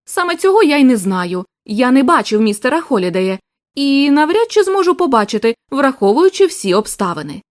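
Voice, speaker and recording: A woman's voice: high voice, sing-song, brisk. A woman reading a precise, grave foreign detective.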